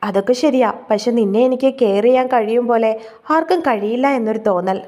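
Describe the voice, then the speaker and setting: A woman's voice: fairly high pitch, fast, mellow, close to an everyday voice. A woman voicing a doting young husband who fusses over his pregnant wife and coaxes her in an audio story. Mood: coaxing.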